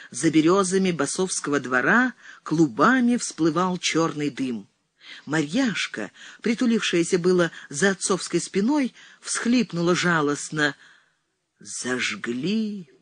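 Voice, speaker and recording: Slow, deliberate woman narrator. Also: fairly low pitch, husky, no room sound. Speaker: audiobook reader. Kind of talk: literary audiobook narration.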